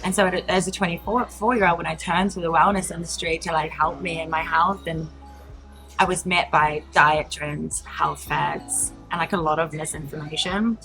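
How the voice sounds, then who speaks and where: An entrepreneur in her thirties with a New Zealand accent chats casually as an interview guest, using lots of fillers and laughing often. Her low voice stays steady at a moderate pace and sounds slightly bright, with faint music behind a rough recording.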